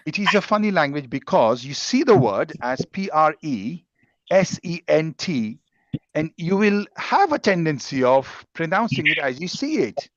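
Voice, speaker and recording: Brief: male pronunciation teacher, lively pitch, dry and dull call audio. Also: no echo. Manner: patient, explains slowly with examples. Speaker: English pronunciation trainer. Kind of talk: online class teaching.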